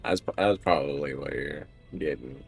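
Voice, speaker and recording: A man's voice: rumbling low, moderate pace, creaky, breathy edge, soft background music. A man doing casual livestream commentary on a game, talking in a wry, joking way. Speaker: game streamer.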